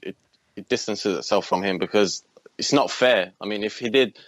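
A man in his twenties from Iran, a podcast guest, telling his story with many pauses and restarts. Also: lowish voice, dry recording. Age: 20s. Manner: hesitant, with frequent ums and restarts. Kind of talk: casual interview talk.

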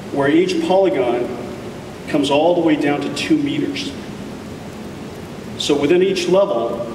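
A man's voice: fairly high pitch, distant mic, background noise. Man giving a keynote in an echoey hall. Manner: enthusiastic, deliberate with emphatic pauses. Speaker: keynote speaker. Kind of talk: tech keynote presentation. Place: large conference hall stage. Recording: echoey hall taped from audience.

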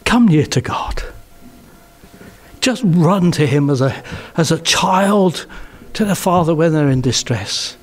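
Soft music plays in the background as an older English-accented preacher gives a sermon in a church hall on a headset mic. His slightly high voice is expressive and slow, earnest and emphatic, often easing into soft, intimate phrases.

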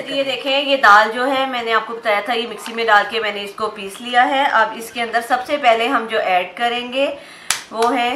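A woman hosting a cooking channel, chatting viewers through a recipe step by step in her home kitchen, with oil frying in a pan behind her. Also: on the high side. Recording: roomy kitchen echo, faint background noise.

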